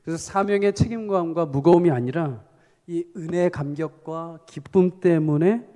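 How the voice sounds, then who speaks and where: A middle-aged male pastor preaching a sermon at a prayer meeting, swelling to loud, high exhortations and then dropping to a soft, quiet tone. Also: normal speed. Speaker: senior pastor. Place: church sanctuary. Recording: long reverb of a church hall.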